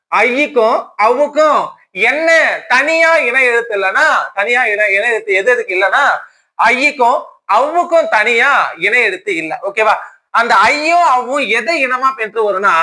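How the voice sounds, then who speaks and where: A man's voice: very high-pitched, pushed and bright. A man teaching an exam-prep grammar lesson who says each key term twice and keeps asking if the class follows. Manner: repeats key terms, keeps checking with "okay?"; slow, dictation-like repetition of terms.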